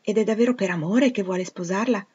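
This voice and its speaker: Un'anziana vedova governante, prudente e preoccupata, letta da una donna, che ammonisce con tono serio e misurato. Il timbro è medio e il suono della registrazione è un po' ovattato. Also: female voice, mid-range voice, quick pace, a little mellow, slightly rough, dull audio, natural voice. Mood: earnest. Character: cautious elderly widow housekeeper, earnest and worried.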